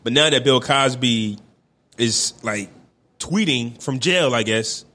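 A man's voice: medium pitch, takes it slowly, pushed and bright. A young man with a mid-range voice co-hosts a casual podcast chat. He argues his points in an opinionated way and keeps checking in with "right?" and "you understand what I'm saying?". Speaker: podcast co-host.

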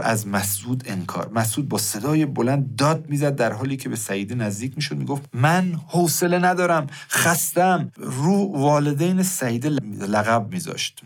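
A man lecturing on anger management, speaking to his listeners in a polite, explanatory way. His voice sits in the middle range and has a noticeable gravelly creak. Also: medium pitch. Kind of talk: podcast lecture.

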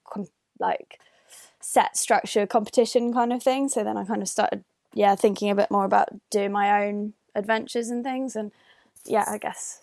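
Woman, young adult guest on a call, gravelly, halting chat, dry sound. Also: mid-range voice, a little mellow, no room sound. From Northern Ireland. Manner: hesitant, many fillers and restarts. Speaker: guest, adventure athlete. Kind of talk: casual interview answers. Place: home, remote call.

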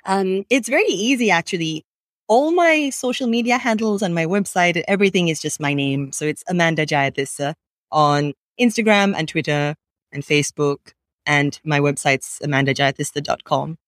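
A woman answers interview questions as a guest author. She speaks thoughtfully, with frequent ums and uhs, in a slightly low voice. The sound is dry and close. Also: animated, normal speed, dry recording. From Sri Lanka. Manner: thoughtful, with many fillers.

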